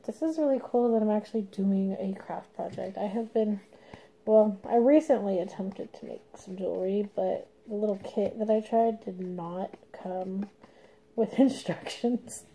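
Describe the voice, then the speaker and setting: A young woman chatting casually while she paints a craft project, rambling and laughing often, sometimes dropping to a soft murmur. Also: medium pitch, unhurried, low-quality recording. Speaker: craft vlogger.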